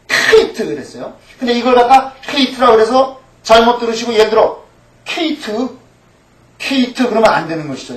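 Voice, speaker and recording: A middle-aged pastor teaching a Hebrew class, patiently repeating each letter name and asking questions that he then answers himself. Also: high voice. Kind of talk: recorded language lecture. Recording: echoey room, mic at a distance.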